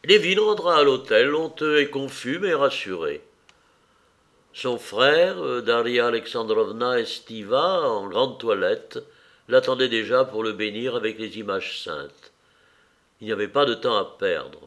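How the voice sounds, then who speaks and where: Reading a classic novel aloud for an audiobook, a male narrator with a mid-range voice keeps a measured, expressive delivery.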